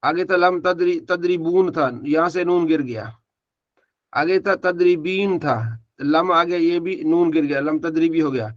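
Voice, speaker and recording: A man's voice: a little high, unhurried, highs cut off. A man teaching an online Arabic grammar class, asking questions and then answering them himself while he repeats verb forms in a drilling way.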